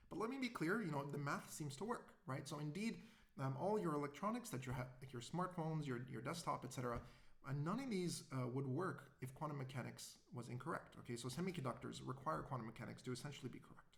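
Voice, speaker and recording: A man giving a public introductory lecture in a conversational way, often asking the audience rhetorical questions. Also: a little high.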